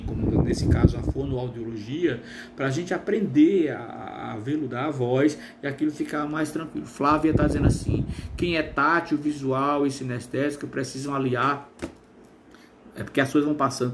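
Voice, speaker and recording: A man, hosting a casual live stream as a therapist, chatty and full of fillers, with a trained, smooth voice. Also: medium pitch, normal speed, heavy background noise. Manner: chatty, reads viewer comments aloud with many fillers.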